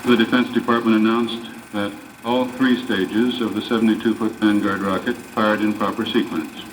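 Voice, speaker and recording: A man giving a formal announcement in a measured, official reading, heard as old newsreel archive sound. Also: fairly low pitch, level tone. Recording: distant, hissy 1950s newsreel recording.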